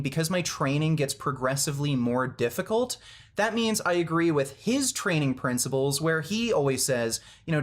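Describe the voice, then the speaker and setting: A man speaking to camera in a blunt, combative commentary on a fitness dispute. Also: on the high side. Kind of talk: casual commentary video.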